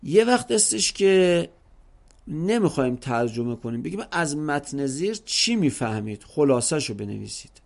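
A middle-aged man teaching an Arabic class, explaining exam question types slowly and repeating each example several ways. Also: fairly high pitch, sing-song, vocal fry.

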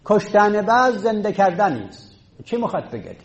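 A man's voice: high-pitched, big pitch swings, muffled recording. A man teaching a class, explaining step by step and counting items aloud. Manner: takes student questions. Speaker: teacher of Arabic rhetoric. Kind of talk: classroom lecture.

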